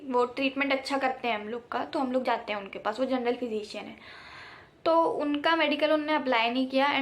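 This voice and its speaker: Young woman, high voice, chatty storytime, acts out quotes, laughs at herself. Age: young adult. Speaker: vlogger. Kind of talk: casual storytime.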